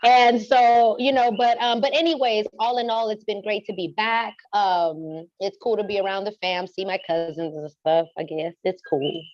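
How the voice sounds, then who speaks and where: A woman guest chatting casually, telling stories in an expressive, talkative way. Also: mid-range voice, normal speed, few pauses, no room sound, muffled recording. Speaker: podcast guest. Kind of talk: casual chat.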